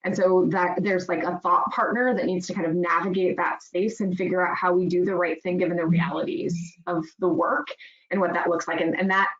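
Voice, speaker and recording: A woman's voice: fairly low pitch, little pitch movement, fairly quick. A woman speaking as a city official on a webinar panel, fluent and emphatic. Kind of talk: unscripted panel answer. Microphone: video call. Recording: roomy, dull video call audio.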